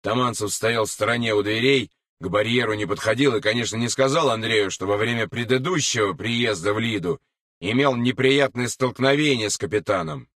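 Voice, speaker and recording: A man reading an audiobook in a measured, unhurried way. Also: medium pitch, fairly bright tone, no echo, studio quality, distant mic. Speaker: narrator. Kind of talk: audiobook narration.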